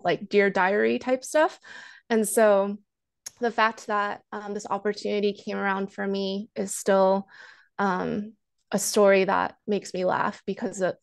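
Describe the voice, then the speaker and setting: A woman in her thirties chats as an interview guest over a video call, her voice picked up by a small earphone mic at home. She sounds soft-spoken and self-deprecating, hedging with frequent ums and restarting her sentences. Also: mid-range voice, gravelly. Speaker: guest author and counselor. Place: living room at home, indoors. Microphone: earphone headset mic on video call.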